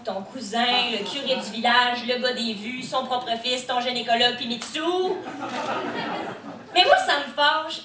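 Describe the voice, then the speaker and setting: A woman's voice: a little high, a bit bright, echoey room, far from the mic, slight background noise. A young woman from New Brunswick with an Acadian French accent, doing a stand-up comedy set to a live crowd in a brash, teasing way. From New Brunswick, Canada. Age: young adult. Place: comedy stage before a live audience.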